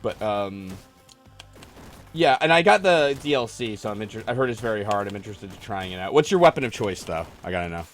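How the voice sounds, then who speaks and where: Over soft background music, a man with a lowish voice and lively intonation talks fairly quickly. He's running a casual call-in gaming stream, trading banter and mock arguments with callers about games and swearing offhandedly.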